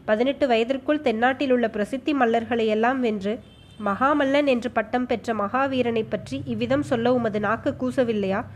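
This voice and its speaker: A proud older master sculptor who bristles at an insult, as a woman narrator puts him on. His reproach comes in a fairly high voice, close to the reader's own. It is a storybook reading voice. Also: normal speed, a little hiss or hum, close to an everyday voice. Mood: indignant. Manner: indignant, reproachful outburst. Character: proud elderly male master sculptor, easily offended.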